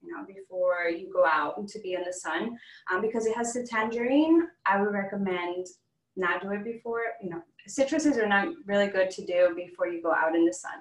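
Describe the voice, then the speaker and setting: A woman demonstrating a do-it-yourself oil blend in a casual class, chatty and quick to laugh. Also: mid-range voice. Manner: chatty, laughs often, upbeat. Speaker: essential oils class host. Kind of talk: hands-on demonstration with chat. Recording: roomy, distant from the mic.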